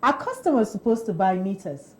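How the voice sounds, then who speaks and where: A woman hosting a live phone-in talk show, moderating callers and questions in a brisk, businesslike way. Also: mid-range voice, sing-song. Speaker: talk show host taking phone calls.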